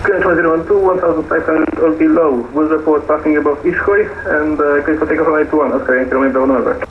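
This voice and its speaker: A male pilot talks through his cockpit headset in rapid, clipped radio phraseology, his voice sitting a little high. It comes through a thin, phone-like aviation radio channel with a hollow ring and faint hiss. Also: steady tone. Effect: pilot speaking through a cockpit headset over aviation radio. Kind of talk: radio readback to air traffic control. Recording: tinny, echoey aviation radio transmission.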